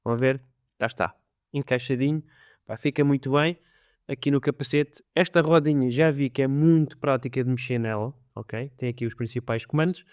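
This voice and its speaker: This man has a European Portuguese accent and a smooth, mid-range voice at a moderate pace, and he talks casually and directly to viewers while reviewing gear on his motorcycle out on the road. The recording is described as dry and studio quality, yet also carries loud wind and road noise.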